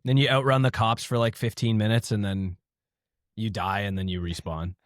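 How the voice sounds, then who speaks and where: A man's voice: fairly low pitch, flat delivery, moderate pace, no room sound, studio quality. A man co-hosting a podcast in casual chat who laughs easily and riffs on jokes. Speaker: podcast co-host.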